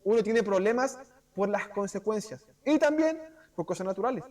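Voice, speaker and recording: A man with a Chilean accent preaching an informal sermon in a church, animated and asking rhetorical questions. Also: high-pitched, far from the mic. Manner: animated, asks rhetorical "cierto?", acts out quick voices. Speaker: preacher teaching a Bible class.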